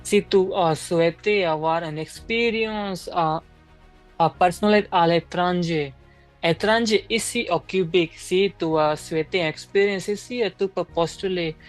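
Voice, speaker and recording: Slow, halting woman exam candidate. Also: lowish voice, soft background music, low-quality recording. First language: not French. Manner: halting, many fillers and restarts. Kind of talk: speaking exam role-play.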